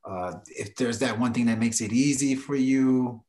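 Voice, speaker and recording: A man's voice: medium pitch, moderate pace, darkish tone. Thoughtful male podcast co-host. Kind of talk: casual podcast chat.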